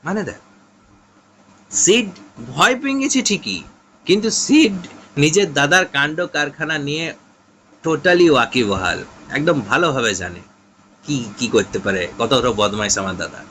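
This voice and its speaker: A male teacher talks slowly through a prose text, reading lines and explaining each one. His voice sits a little high, with faint noise behind him. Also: big pitch swings, sharp tone. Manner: slow, explanatory, mixes English lines with translation.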